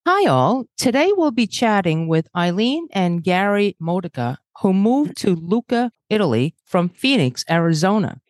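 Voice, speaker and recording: A middle-aged woman co-hosting a podcast, chatting casually and reading out research with quick self-mocking asides. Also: medium pitch, a little mellow, no room sound, studio quality. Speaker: podcast co-host.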